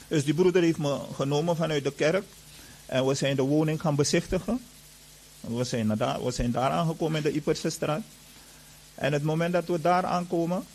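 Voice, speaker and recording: A man's voice: fairly high pitch, darkish tone, a little hiss or hum, rough recording. A man giving an earnest personal testimony to an audience, retelling events with lots of reported dialogue.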